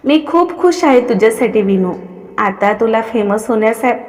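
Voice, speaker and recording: A woman's voice: fairly high pitch, lively intonation, moderate pace, a little mellow, lightly acted. A woman voicing a friendly, cheerful dance studio owner. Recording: long reverb.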